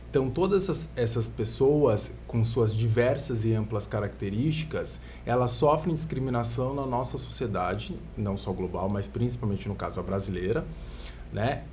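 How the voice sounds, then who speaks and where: A man from Santos with a Brazilian Portuguese accent, a lawyer explaining his field in calm, measured terms as a podcast guest. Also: mid-range voice, slight background noise. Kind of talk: podcast interview. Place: podcast studio.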